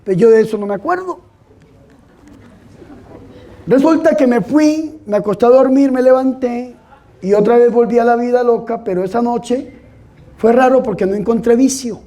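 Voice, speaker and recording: High-voiced Colombian priest giving testimony. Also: male voice, normal speed, long pauses, warm tone. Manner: emphatic storytelling, repeatedly urging listeners to pay attention. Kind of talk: testimony talk to a live audience. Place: event hall with an audience.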